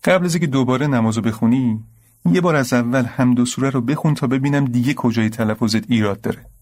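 An actor playing a patient, knowledgeable young man in a radio drama, firmly and calmly correcting his friend. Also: mid-range voice, lightly acted. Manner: calm, instructive, firm. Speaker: patient religious tutor.

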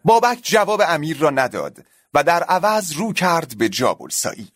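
A man narrating a story in an expressive, dramatic audiobook style. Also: fairly high pitch, no room sound, studio quality.

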